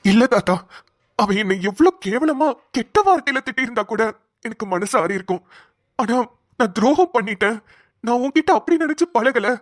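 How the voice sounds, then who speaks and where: A woman's voice: on the high side, expressive, moderate pace, no echo, studio quality. A woman doing an earnest, pleading young man. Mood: guilty. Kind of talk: cartoon voice acting.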